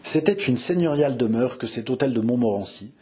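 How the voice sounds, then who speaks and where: Male audiobook narrator, measured expressive storytelling, mid-range voice. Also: mid-range voice, slightly rough.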